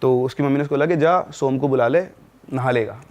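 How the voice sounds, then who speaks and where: This man casually shares a real-life horror tale, dipping his voice at the suspenseful parts. His medium-pitched voice has a somewhat dark tone and a brisk pace.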